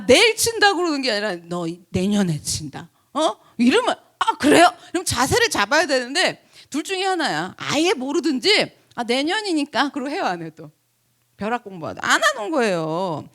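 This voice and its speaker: A woman pastor giving a lively sermon, asking the congregation questions and acting out quotes, laughing often. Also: sits high, fairly quick.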